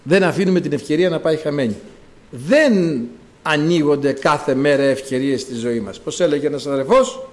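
A middle-aged man preaching a sermon, acting out quoted voices and swinging from loud to hushed. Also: fairly high pitch.

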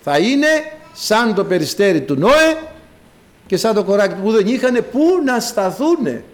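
A man preaching a sermon to his congregation, calling them brothers and acting out the voices in his stories with dramatic swings. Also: sing-song. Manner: dramatic, acts out quoted voices with big pitch swings.

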